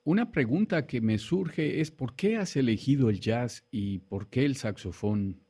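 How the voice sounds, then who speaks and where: A man hosting a radio interview, effusive with praise and quick to add follow-up questions. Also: medium pitch, animated, mellow, breathy edge. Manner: effusive, complimentary, talks over the guest with follow-up questions. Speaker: interview host.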